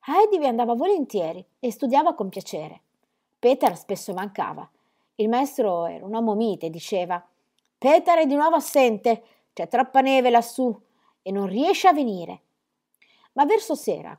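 Female audiobook reader, expressive storyteller, animated pitch. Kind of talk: audiobook reading of a children's novel.

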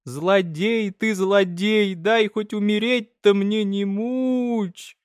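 A man voicing a frail, worn-out old peasant mother who curses and laments in a hoarse, choked voice. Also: medium pitch, fairly even intonation, takes it slowly, dry recording, clean studio sound, voice pushed up, close to an everyday voice. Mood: shrill, cursing. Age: older. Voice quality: hoarse, rasping. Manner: cursing and lamenting in choked bursts.

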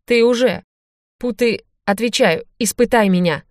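A woman reading an audiobook voices a stern, commanding man who barks orders loudly. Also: a little high, measured pace, dry recording, clean studio sound, pitched above the performer's own voice, lightly acted. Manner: barking, forceful.

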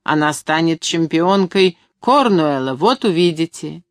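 A woman voicing a charming, flirtatious gentleman who teases playfully in a storybook reading. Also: deep voice, animated, a little slow, dry recording. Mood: teasing. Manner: playful, teasing.

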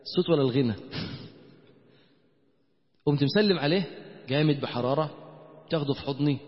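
A man preaches with an Egyptian accent, his voice pitched high and racing along. He keeps throwing rhetorical questions at the congregation. The recording is muffled and rings with a long reverb, as if in a mosque hall. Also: fairly quick. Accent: Egyptian Arabic. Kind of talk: sermon.

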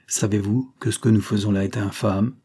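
A man voicing a troubled widow who speaks earnestly and hesitantly, without changing much from his own low voice. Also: steady tone, moderate pace, warm tone, close to an everyday voice. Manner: earnest, hesitant, emotional delivery.

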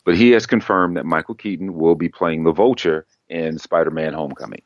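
A man with an extremely deep, low voice chats casually as a podcast co-host about comics news. He rambles and restarts his sentences often. The sound is dry and a little dull, with no room echo. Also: a little fast. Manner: rambling, self-correcting, laughs easily.

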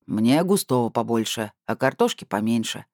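A pompous freeloading young man, voiced by a woman reading a story, sulky and haughty. The voice sits low and dark, with pitch that rises and falls a lot. The recording is dry and close. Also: animated, normal speed, no echo.

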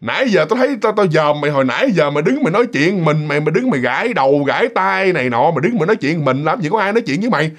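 A man voicing a sharp-tongued older aunt who scolds bluntly and quickly. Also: a little high, big pitch swings. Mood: scolding.

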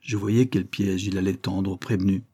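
Man, audiobook narrator, measured, husky, low voice. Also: steady tone, mellow. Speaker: audiobook reader. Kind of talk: scripted first-person narration.

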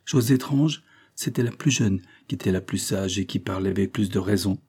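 A man with a low, mellow voice reads a novel aloud. He keeps a measured, even storytelling pace. His tone is slightly husky throughout. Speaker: audiobook narrator. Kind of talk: scripted narration of a novel.

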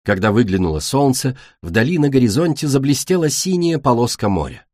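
A man reading a children's fantasy audiobook in an expressive manner. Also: medium pitch, a little fast, dry recording, clean studio sound. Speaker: audiobook narrator.

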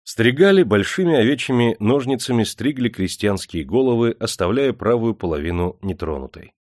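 A man reading an audiobook in steady, measured scripted narration. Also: mid-range voice, no room sound, studio quality.

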